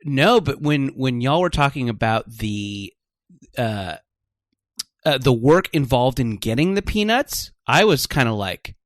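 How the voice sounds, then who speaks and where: A man's voice: medium pitch, big pitch swings, a little slow, no echo, clean studio sound. A man from Southern California, born in Texas, chatting casually with stammering restarts and self-deprecating humor. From Texas-born, raised in Southern California. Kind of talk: casual chat.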